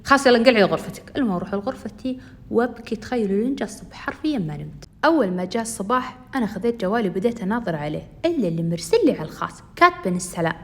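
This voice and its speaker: A woman's voice: medium pitch, animated, very fast. A young woman telling a first-person story, chatting directly to her listeners.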